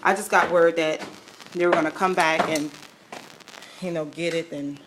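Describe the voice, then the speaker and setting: A woman walks through her salon building's basement with a handheld camera, talking in a chatty, exasperated way. Her voice sits fairly low. A faint hum of room noise runs under her words. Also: steady tone, moderate pace. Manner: chatty, exasperated, laughs wryly. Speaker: salon owner showing her space. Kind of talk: casual walkthrough vlog.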